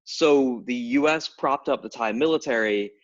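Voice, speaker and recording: Heard through distant, dull lo-fi live stream audio, a middle-aged man from Tidewater, Virginia speaks at a medium pitch and moderate pace. A game writer and anthropologist, he explains at length in a casual interview, with frequent fillers and restarts.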